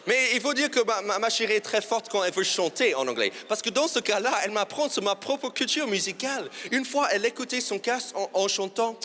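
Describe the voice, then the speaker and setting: A man's voice: sits high, lively intonation, a little fast, hardly any pauses, bright, forceful tone. A man from New York with an American accent doing a self-mocking stand-up routine in French on a TV studio set. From New York, USA. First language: English. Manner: playful, self-mocking, punchline timing. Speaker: comedian guest.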